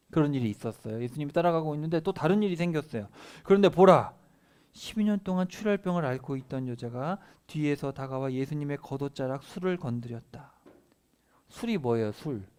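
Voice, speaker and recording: A man's voice: mid-range voice, dark tone, clean tone. A middle-aged male pastor reading scripture aloud in a family sermon, then explaining it in simple words and putting questions to the children.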